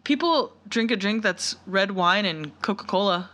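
A woman in casual chat, reacting excitedly to a TV show, swearing casually and laughing often. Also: mid-range voice, moderate pace.

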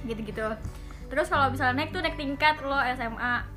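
A woman's voice: high-pitched, brisk. A young woman with a Jakarta accent co-hosting a podcast, chatting in Jakarta slang peppered with English fillers. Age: young adult. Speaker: podcast co-host. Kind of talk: casual chat. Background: music.

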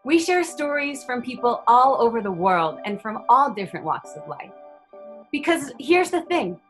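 A woman opens her podcast with a scripted introduction, measured and uplifting. Her voice is slightly high, and soft music plays beneath her. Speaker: podcast host.

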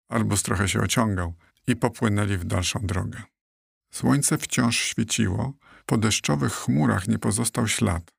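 A man narrating a children's audiobook in a steady, clear storytelling manner, recorded close in a studio. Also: fairly low pitch, no room sound.

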